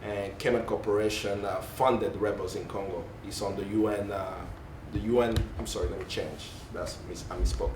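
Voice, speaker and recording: A man's voice: lowish voice, steady tone, moderate pace, few pauses. A man speaking as a panelist who searches for words, corrects himself and says um and uh often. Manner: searching, self-correcting, frequent um and uh. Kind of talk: panel discussion. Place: conference hall panel. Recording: roomy hall, distant mic, faint noise.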